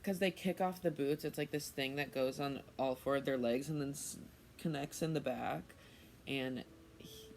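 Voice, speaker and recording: A man's voice: mid-range voice, moderate pace, slight background noise. A young man working as a dog walker, answering in a dry, blunt, teasing way. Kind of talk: casual interview.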